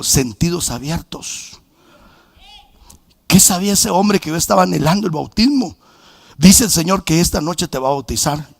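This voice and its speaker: Gravelly pastor preaching. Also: male voice, fairly high pitch, no echo, clean studio sound. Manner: animated testimony with quoted dialogue, bursts of shouting. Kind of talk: sermon. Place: church sanctuary.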